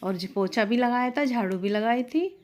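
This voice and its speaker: A woman voicing a meek, patient young daughter-in-law who answers softly and apologetically. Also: on the high side, normal speed, close to an everyday voice. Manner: soft, apologetic.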